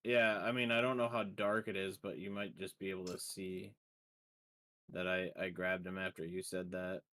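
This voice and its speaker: A man's voice: sits low, flat delivery, normal speed, fairly bright tone. A man playing in an online tabletop game, thinking aloud hesitantly with many ums as he decides what his character does. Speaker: player.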